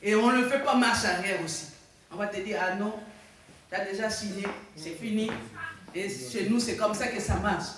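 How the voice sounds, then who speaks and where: Her voice mid-range and her pace normal, a woman pastor gives a sermon full of "Alléluia" calls for the congregation to answer. The background is noisy with "Amen" responses, and the sound is very echoey since the mic is far off.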